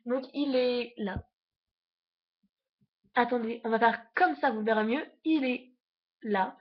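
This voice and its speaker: A young woman, a beauty vlogger, rushing through a casual makeup haul on her bed at home, chatting with lots of fillers. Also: fairly high pitch, highs cut off. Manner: hurried, chatty, many fillers. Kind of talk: casual product review.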